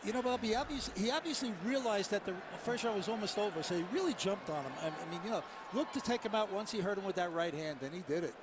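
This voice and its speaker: A man analysing a fight as a live boxing commentator, with excitable, blunt, choppy phrasing. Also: high-pitched, quick pace, few pauses. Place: ringside at a boxing arena. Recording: noisy arena ambience.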